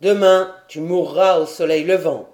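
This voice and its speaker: A woman reading an audiobook voices a stern, fierce male chief, speaking in loud, forceful pronouncements. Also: fairly low pitch, fairly even intonation, unhurried, lightly acted. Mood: menacing.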